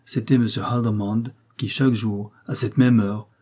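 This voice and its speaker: A man reading a classic novel aloud in a measured, sober storytelling manner. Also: fairly low pitch, fairly even intonation, mellow, slightly rough. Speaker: audiobook narrator. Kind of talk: literary audiobook narration.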